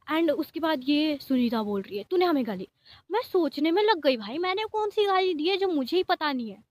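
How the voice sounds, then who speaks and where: A young woman telling a storytime vlog in a casual, exasperated way, often quoting others sharply and mixing in English words. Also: sits high. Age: young adult. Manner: animated, exasperated, mixes English words into Hindi.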